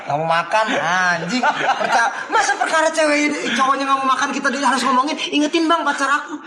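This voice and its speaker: High-voiced ranting streamer. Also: male voice, expressive, fairly quick. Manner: loud, cursing, laughing rants at chat. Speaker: live streamer. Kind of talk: ranting live-stream chat. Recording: echoey room with crowd noise.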